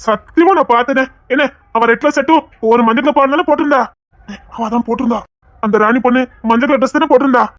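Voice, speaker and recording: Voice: sits high, fast talker, no echo, muffled recording. A reader voicing the men of a dramatic family story, urgent and questioning. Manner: urgent, questioning, rough colloquial. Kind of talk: dramatic audio story reading.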